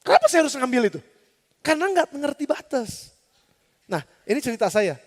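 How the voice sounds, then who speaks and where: Brief: lively male pastor, high-pitched and animated, preaching a storytelling sermon in a large, reverberant church hall. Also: fairly quick. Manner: lively storytelling with rhetorical questions.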